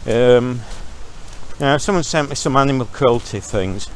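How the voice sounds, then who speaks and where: Man, forties, born in Zambia, ranting vlog monologue, mid pitch, walking outdoors, faint background noise. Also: normal speed. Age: 40s. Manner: ranting, sarcastic, opinionated. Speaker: vlogger. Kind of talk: rambling opinion monologue. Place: outdoors, walking past a stream.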